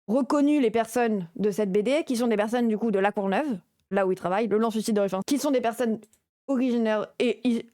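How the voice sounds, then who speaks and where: A woman's voice: on the high side, dark tone, no echo, studio quality. A young adult woman streamer giving casual, sarcastic react commentary, chatty and full of fillers.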